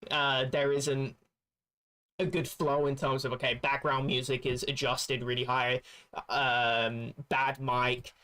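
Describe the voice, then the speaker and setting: Here a man speaks slowly at a medium pitch, his level tone sounding pushed and bright. He's casually chatting on a gaming stream, rambling and starting sentences over while searching for the right words.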